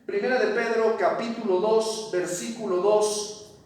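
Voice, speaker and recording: A man's voice: high voice, fairly even intonation, unhurried, darkish tone. A man teaching a Bible study class, asking questions and reading verses aloud. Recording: echoey room, mic at a distance.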